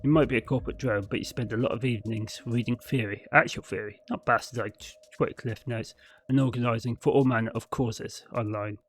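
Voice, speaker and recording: With faint music behind him, a man in a mid-range voice reads a visual novel aloud as narrator. His tone is steady and his pace a little fast, and he tells the scripted story dramatically, now and then stumbling over a word.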